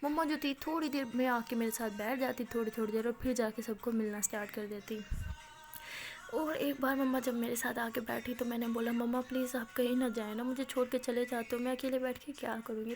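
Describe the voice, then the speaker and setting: A young woman telling a first-person story in a chatty way, laughing often and acting out what others said. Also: a little high. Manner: chatty, laughs often, mixes English words.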